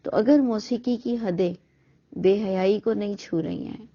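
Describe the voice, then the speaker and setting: A woman's voice: mid-range voice, mellow. A middle-aged woman giving an earnest, argumentative monologue full of rhetorical questions. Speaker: speaker on religious questions. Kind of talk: reflective monologue. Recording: dull lo-fi recording.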